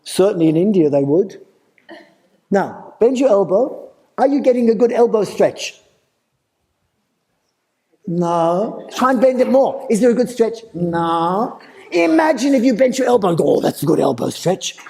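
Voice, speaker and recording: A man's voice: high-pitched, animated, measured pace, pauses often, darkish tone, poor audio. An Australian man giving a playful live talk at a festival, putting questions to the audience. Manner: engaging, asks the crowd questions, playful. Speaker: festival presenter.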